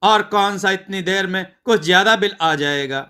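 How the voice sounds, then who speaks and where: A man voicing a patient young husband in a storybook tale who gently corrects his wife. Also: high voice, moderate pace, smooth.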